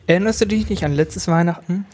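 A man's voice: high-pitched, fast talker, pitched above the performer's own voice. A man voicing a patient mother who reassures her child in a storybook reading. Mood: reassuring. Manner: reassuring, gentle.

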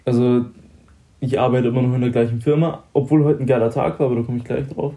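A young man chats casually and tells a story, slipping into slang and playing out the dialogue himself. His voice is dark and mellow, with no strain. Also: mid-range voice, level tone, fast talker. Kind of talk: casual chat.

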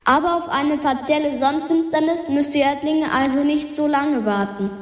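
High echoing dwarf planet voiced by a woman. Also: moderate pace. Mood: cheerful. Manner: cheerful, calls listeners earthlings. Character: friendly chatty female dwarf planet from space. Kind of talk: children's radio science sketch. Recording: reverb-soaked echoey voice effect.

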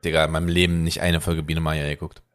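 A man's voice: rumbling low, completely flat delivery, quick pace. A young man co-hosting a casual podcast, laid-back and slangy, guessing at quiz answers. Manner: slangy and laid-back, calls his friend "Digga", "Alter" and "Bruder". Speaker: podcast co-host, quiz contestant. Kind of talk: casual chat.

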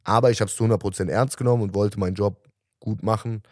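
A man's voice: on the low side, fairly even intonation, fast, a little mellow, no echo, studio quality. A man in his thirties, a musician guest, talking earnestly and reflectively in a casual interview, often restarting his sentences.

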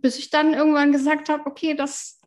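A woman's voice: high-pitched, flat delivery, fairly quick. A young woman telling her work story in a casual podcast chat, laughing often between fillers. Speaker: podcast guest.

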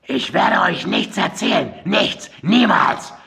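A man's voice: slow, darkish tone. A man voicing a deranged, drug-addicted young woman who shrieks and mumbles in an audiobook. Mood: shrieking. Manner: shrill, shrieking, frantic. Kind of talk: audiobook character voice.

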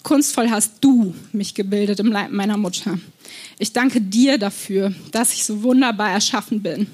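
A young woman giving an earnest sermon, telling personal stories and often pausing on fillers. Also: mid-range voice, darkish tone, slightly rough. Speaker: preacher.

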